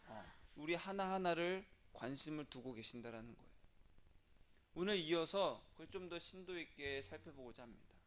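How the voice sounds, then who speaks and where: A male Korean pastor giving a lively sermon, acting out biblical figures with shifting voices and asking the congregation questions. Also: on the high side, normal speed. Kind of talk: animated sermon with acted-out quotes.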